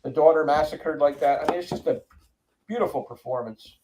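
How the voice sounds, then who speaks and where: A man's voice: a little high, brisk, noisy background. An older man hosting a casual chat about films, enthusiastic and opinionated. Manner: enthusiastic, opinionated movie talk.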